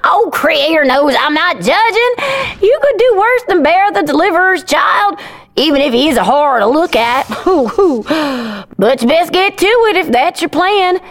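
An actress playing a blunt, sharp-tongued, mocking middle-aged village mother in a fantasy audio drama. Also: very high voice, lively intonation, unhurried, exaggerated voice. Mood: teasing, mocking.

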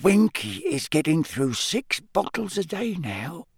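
A man voicing an earnest, devoted little male house-elf who speaks in a high, hushed voice. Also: sing-song, a little slow, gravelly, breathy edge, dry recording, studio quality, full character voice.

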